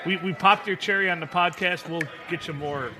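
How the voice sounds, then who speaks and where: A man's voice: high voice, brisk, pushed and bright, faint music behind. A man hosting a podcast in casual comedic chat, joking and laughing often with his co-host. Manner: jokey, laughs often, playful banter.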